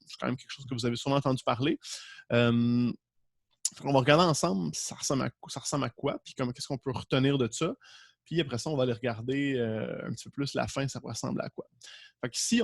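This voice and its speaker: A man's voice: medium pitch, creaky, dry recording, studio quality. A man with a Québécois French accent, teaching an online class in a loose, joking way and often restarting his words. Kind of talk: casual online class lecture. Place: home setup with a green screen.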